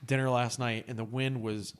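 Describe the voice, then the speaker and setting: A man's voice: mid-range voice, flat delivery, normal speed, clear, resonant tone. Casual man chatting in a wooden cabin. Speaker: podcast host. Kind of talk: casual group chat about amateur hockey.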